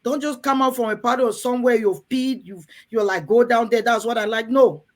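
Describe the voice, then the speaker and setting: This host is a woman from Cameroon with a voice on the high side, a steady tone, and a fairly quick pace. She leads a frank, earnest conversation with women in a room, coaxing them and often turning to the ladies listening.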